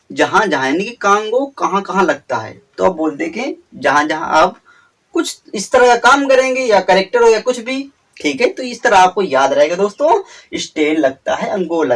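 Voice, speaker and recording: A man's voice: fairly high pitch, recorded from a distance. A man with a slightly raised voice talks through memory tricks for exam students. He leans on repetition and stretches words out for emphasis. His voice sits a little back from the microphone. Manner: repetitive, drawn-out emphasis, frequent "theek hai". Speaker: teacher.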